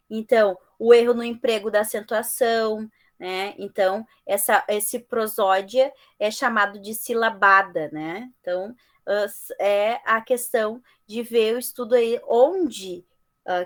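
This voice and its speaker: A woman teacher with a slightly high-pitched voice delivers an online class lecture over a video call. She speaks in short phrases and keeps checking in with "tá?" and "né?" as she explains. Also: fairly bright tone. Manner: ends phrases with frequent "tá?" and "né?" checks.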